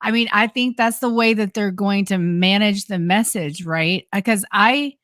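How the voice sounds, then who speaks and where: A woman commenting on a live stream in a measured, halting way with frequent restarts. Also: mid-range voice, a bit bright, dry recording, studio quality. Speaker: co-host, commentator.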